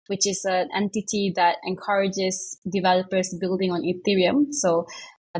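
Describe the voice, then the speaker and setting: Husky-voiced woman, chatty. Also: medium pitch, low-quality recording. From Malaysia. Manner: chatty, many fillers and self-corrections. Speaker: guest, investment manager. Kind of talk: casual interview chat.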